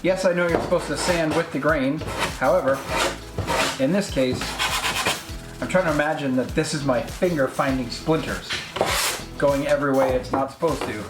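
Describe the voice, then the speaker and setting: Over loud music in an echoey garage, the host of a DIY project channel talks at normal speed in a voice on the high side. He's chatty and self-deprecating, walking through every step of his work in his vlog.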